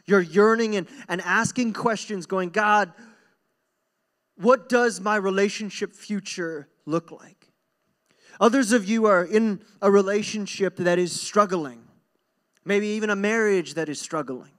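A young man preaches as a pastor from a church hall stage, holding a handheld microphone. His voice is high and fairly bright, and he speaks unhurriedly in an earnest, informal, conversational sermon to the congregation, repeating phrases for emphasis.

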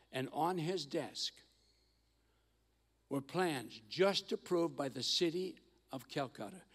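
An older man telling mission stories in a sermon on a church stage, animated and acting out the voices of the people in his stories. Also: on the high side. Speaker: guest missionary speaker. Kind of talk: storytelling sermon. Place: large church auditorium stage. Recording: long hall reverb.

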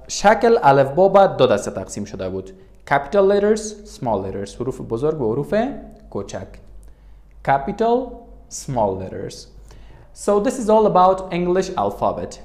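A man teaching as a language tutor, saying each letter twice with slow, deliberate drilling and asking questions he answers himself. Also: high-pitched, a little mellow. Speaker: English tutor. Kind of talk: classroom language lesson.

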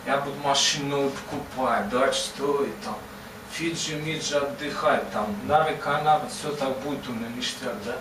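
A man of medium pitch and normal speed, with a natural voice, plays old, bearded Confucius as a folksy, boastful and teasing sage. He rambles, asks "right?" after every phrase and constantly repeats "да?" and "вот". The mic is distant in a roomy space with ambient noise.

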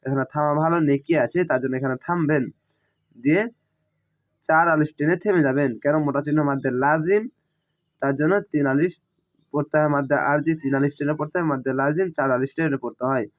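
A man teaching Quran reading, spelling each word syllable by syllable and then reciting it slowly and drawn out. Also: fairly high pitch, fairly even intonation. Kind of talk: step-by-step recitation lesson.

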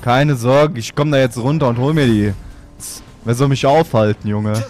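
A man's voice: medium pitch, normal speed, a little mellow, faint music behind. A man giving gameplay commentary as a let's player, with playful, boastful trash talk.

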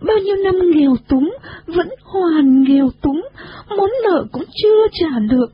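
Teeny weepy bug girl, sobbing and begging, voice way up high, dull old recording. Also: lively intonation, a little slow. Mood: sobbing, pleading. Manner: sobbing, pleading. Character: tiny frail female butterfly-kin insect, weepy, timid.

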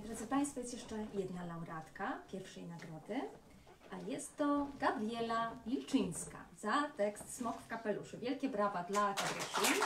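A woman organizing a literary contest, announcing a winner and reading her story aloud with lively storytelling. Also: mid-range voice. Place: hall at an awards ceremony. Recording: echoey hall from far off, faint noise.

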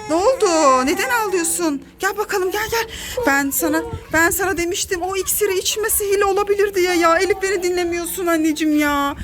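A woman with a Turkish accent narrates a family pretend-play vlog as a mother talking to her kids. Her voice sits very high, and she fills it with excited, dramatic warnings. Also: a little fast, hardly any pauses. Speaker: mother filming her children.

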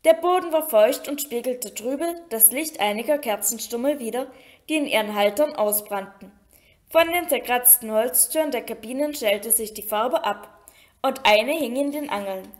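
A woman reading a novel aloud in a high voice. Her storytelling is steady, with the odd small slip corrected on the go. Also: moderate pace. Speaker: audiobook reader.

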